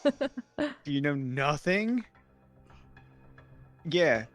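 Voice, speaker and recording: A man's voice: fairly high pitch, very animated, drawn-out words, fairly bright tone, faint music behind. A man chatting on a game stream, joking with mock-dramatic asides. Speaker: stream co-host. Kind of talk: casual gameplay chat.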